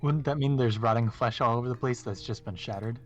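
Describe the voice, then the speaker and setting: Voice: mid-range voice, fairly quick, dull audio. A player bantering casually during a tabletop role-playing game. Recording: background music under the voice. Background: music.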